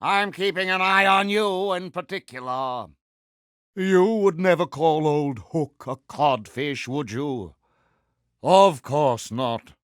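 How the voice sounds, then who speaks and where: Pompous pirate captain, vain villain, theatrical, slow grand delivery, very dry close sound, video game character. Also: male voice, on the high side, fairly bright tone, clean tone, dry recording. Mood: indignant, menacing.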